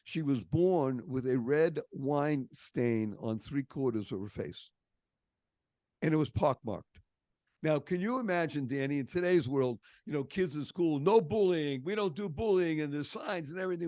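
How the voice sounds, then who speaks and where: A man's voice: on the high side, normal speed, a little mellow, no echo. An older man from the Boston area with a Boston accent, a podcast guest telling stories expressively and stressing key words. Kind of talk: storytelling interview.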